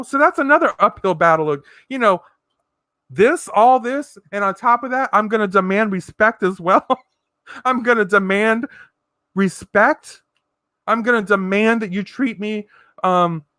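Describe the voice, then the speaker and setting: A woman's voice: mid-range voice, a bit bright, dry recording, studio quality. A woman vlogger telling stories to the camera in a sassy, dramatic way, laughing often. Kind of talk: chatty storytelling monologue.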